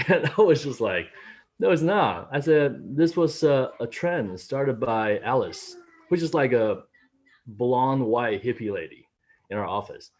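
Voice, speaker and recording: Speaking unhurriedly in a mid-range voice, a panelist from Taiwan in his late thirties tells lively stories from his own life during a casual video call. His pitch leaps whenever he quotes someone, and he's recorded on a laptop mic in a home room.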